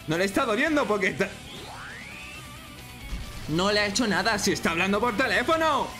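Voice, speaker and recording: A man with a Spain Spanish accent giving excited reaction commentary as a streamer, full of exclamations and outbursts. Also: high voice, normal speed, over music. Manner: excitable, frequent exclamations and shouts. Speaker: streamer reacting to a fan animation.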